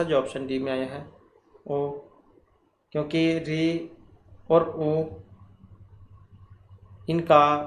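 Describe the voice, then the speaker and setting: A man teaching Sanskrit grammar for exam preparation. He works through quiz questions slowly and deliberately, asks himself questions and repeats the key terms. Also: on the high side. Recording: echoey room, faint ambient noise.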